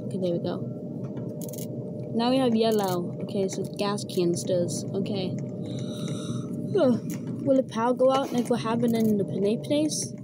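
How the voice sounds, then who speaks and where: A woman giving casual gameplay commentary, chatting and reacting out loud to what happens on screen. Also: mid-range voice. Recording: loud background noise.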